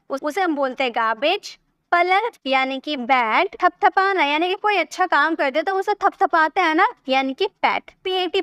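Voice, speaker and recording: High-voiced woman teaching vocabulary. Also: a bit bright, dry recording. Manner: patient, explains with everyday example sentences. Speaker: English teacher. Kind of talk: vocabulary lesson.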